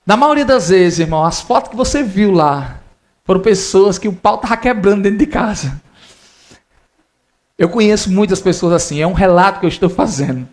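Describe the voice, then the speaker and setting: A man preaching a sermon in church, emotional and direct, often calling listeners brother and rising loud on appeals. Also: high voice. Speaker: pastor.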